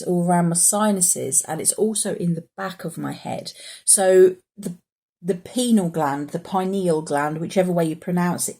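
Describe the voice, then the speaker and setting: A woman's voice: fairly low pitch, vocal fry, darkish tone, slightly rough. A woman chatting casually in a spiritual vlog and pulling oracle cards, rambling with fillers and restarts. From United Kingdom. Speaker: spiritual oracle card reader.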